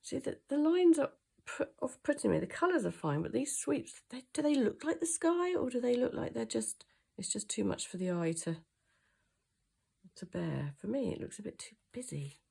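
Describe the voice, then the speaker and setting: At normal speed, this craft channel host's slightly high voice comes across very animated yet gravelly, dark-toned, and breathy. She is throaty from a cold while running a hands-on papercraft tutorial, chatting and thinking aloud with frequent hesitations.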